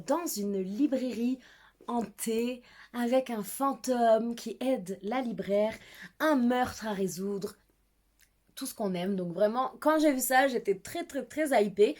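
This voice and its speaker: Young female book vlogger, slightly high voice, giggly and self-deprecating, casual chat. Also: a little mellow. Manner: chatty, giggly, self-mocking.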